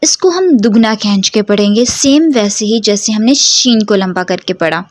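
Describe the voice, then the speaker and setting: In a slow, careful lesson, a woman teaches Quran letter pronunciation, explaining step by step, asking her students questions, and drawing out each model sound for them to repeat. Her voice is mid-range at a moderate pace, and the recording is dry.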